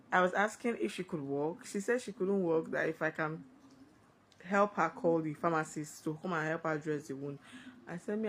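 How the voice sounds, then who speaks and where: A woman's voice: low-pitched, a little hiss or hum. A woman with a Nigerian accent telling a scary personal story conversationally, emphatically repeating phrases for effect.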